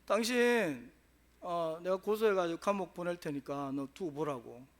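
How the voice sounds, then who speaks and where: A stern, no-nonsense wife of a village official, acted out by a male preacher, handing down conditions with a scolding edge. The voice runs fairly high and moves a lot. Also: expressive, moderate pace. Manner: scolding, laying down terms.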